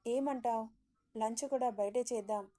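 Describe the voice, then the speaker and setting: A woman voicing a bossy, chatty middle-aged mother-in-law who scolds with brisk questions. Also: a little high, steady tone, warm tone, close to an everyday voice.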